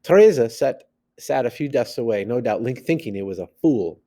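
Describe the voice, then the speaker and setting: Speaking at a moderate pace in a medium pitch, this man reads a story like a teacher does. His delivery is lively: he performs the characters' lines and adds simple side comments.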